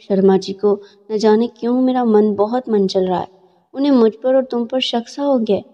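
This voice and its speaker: A woman's voice: a little high, mellow, natural voice. A woman voicing an anxious, defensive mother. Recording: dull lo-fi with long reverb.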